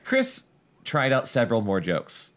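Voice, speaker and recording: A man's voice: medium pitch, huge pitch swings, a little slow, fairly bright tone, slight background noise. A man co-hosting a podcast, reading a book aloud and joking and swearing casually between passages. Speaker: podcast co-host.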